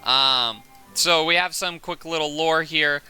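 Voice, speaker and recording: A fairly high-pitched man talks a little slowly over faint background music as host of a game footage breakdown. His commentary is unscripted and casual, excitable, with frequent self-corrections.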